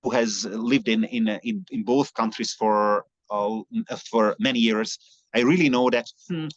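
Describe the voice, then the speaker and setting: A man's voice: mid-range voice, unhurried, dry recording. A Hungarian man, a native Hungarian speaker, talking earnestly in an interview, often restarting his sentences. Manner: earnest, many restarts and fillers. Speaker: guest, long-distance cyclist. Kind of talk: conversational interview. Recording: slightly dull lo-fi sound.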